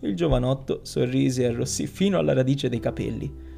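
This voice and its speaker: Gravelly male audiobook narrator. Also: mid-range voice, faint music behind. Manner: measured, expressive narration. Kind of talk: audiobook reading of a short story.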